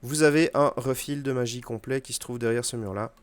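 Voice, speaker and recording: A gaming video host chats casually over a game run, explaining things in a relaxed way with fillers and quick asides to the game. His mid-range voice is clean in tone, with no echo.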